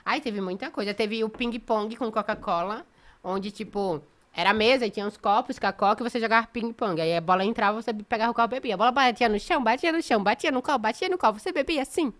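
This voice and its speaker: A woman chatting as a guest, telling stories with animated quoted voices. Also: a little high, fast. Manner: animated storyteller, acts out others' lines. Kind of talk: casual chat.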